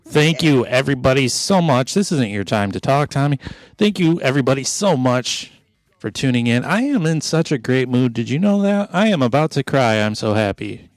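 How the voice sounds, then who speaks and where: A man's voice: mid-range voice, expressive, moderate pace, no room sound. Rambling mock-sentimental man hosting a comedy podcast. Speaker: podcast host. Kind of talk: improv comedy podcast banter.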